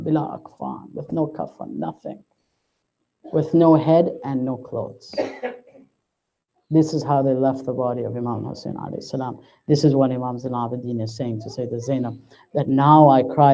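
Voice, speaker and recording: A man giving a mourning sermon as a majlis speaker, impassioned, his voice climbing high in grief as he quotes Arabic. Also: mellow.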